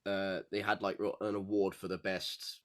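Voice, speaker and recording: A man's voice: deep voice, level tone, moderate pace. A man, a guest on a podcast, talking casually and rambling, with many fillers. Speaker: podcast guest, music composer. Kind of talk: casual chat.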